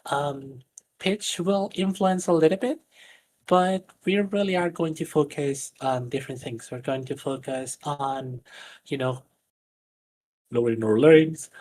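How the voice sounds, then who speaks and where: There's a little hiss or hum behind this mid-range voice. It belongs to a voice coach, Spanish as a first language, who earnestly covers voice training during a live stream, often restarting and using fillers.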